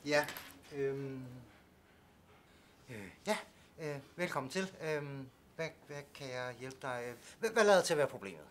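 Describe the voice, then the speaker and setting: A man's voice: mid-range voice, animated, slight background noise, lightly acted. An actor playing an awkward caseworker who hesitates and fills his speech with filler sounds. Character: awkward, fumbling male caseworker. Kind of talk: student film acting.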